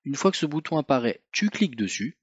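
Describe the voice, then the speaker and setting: A man narrating a step-by-step car tutorial, calm and methodical, speaking informally to the viewer. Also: fairly high pitch, fast, slightly rough, dry recording, highs cut off. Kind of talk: step-by-step instructional voice-over.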